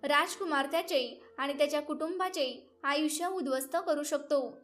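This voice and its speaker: A woman storyteller narrating a scripted devotional story in a steady, even reading. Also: high-pitched, normal speed.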